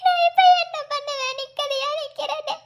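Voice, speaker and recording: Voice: very high-pitched, moderate pace, background noise. A performer voicing a betrayed young pregnant woman in a cartoon love story, pleading and wailing through tears.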